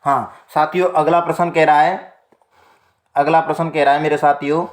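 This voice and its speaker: A man's voice: fairly high pitch, level tone. Echoey teacher man walking through exam questions. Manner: keeps addressing listeners as "my companions"; repeats the answer twice, slow and deliberate. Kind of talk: exam-prep lesson going through multiple-choice questions.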